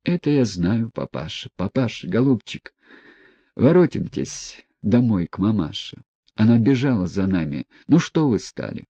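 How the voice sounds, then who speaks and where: A man's voice: on the low side, big pitch swings, measured pace, warm tone, breathy edge, no echo, lo-fi sound, full character voice. A man voicing an anxious, impatient teenage boy in an audiobook, urging and scolding in a raised, urgent voice.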